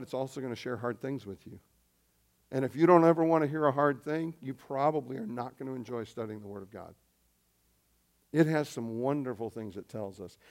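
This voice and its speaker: A man preaching a sermon as pastor, swinging between loud emphasis and quiet asides. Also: medium pitch.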